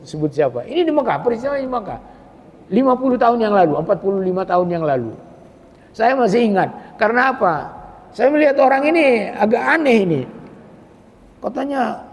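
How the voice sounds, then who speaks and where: An older man giving a Quran exegesis lecture as a preacher, animated and repeating phrases for emphasis. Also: high-pitched, big-room sound. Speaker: Islamic preacher.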